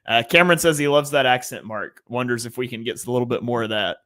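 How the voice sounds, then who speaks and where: A man with a bright, forward voice hosts a live game-watching stream. He reads out viewer comments and breaks down each play in relaxed commentary. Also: medium pitch, quick pace. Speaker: live watch-party host.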